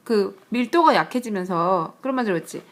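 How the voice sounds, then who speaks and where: A woman teaching English grammar on a screencast, explaining patiently, asking rhetorical questions and reading English examples slowly. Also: mid-range voice, animated. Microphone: tablet screencast mic.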